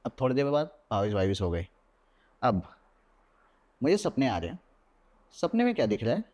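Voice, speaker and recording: Speaking at a moderate pace and medium pitch, a young man on a podcast vividly recounts a personal horror story. He is the guest and mixes English words into his Hindi.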